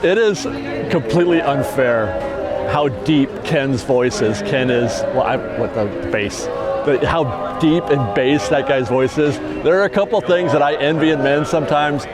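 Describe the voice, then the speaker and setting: A man vlogs outdoors at a theme park at dusk, walking and talking casually in a reflective, rambling, sentimental way on a lapel mic. His fairly high voice moves at a measured pace, with loud music and outdoor crowd chatter behind him.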